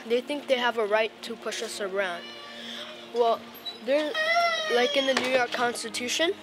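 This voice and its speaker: Young woman telling a story, chatty. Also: a little high. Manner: chatty, peppered with "like". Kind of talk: casual storytelling.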